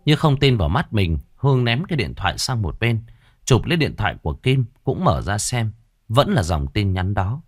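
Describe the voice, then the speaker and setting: Low-voiced man telling a ghost story. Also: moderate pace, no echo. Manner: dramatic, expressive reading.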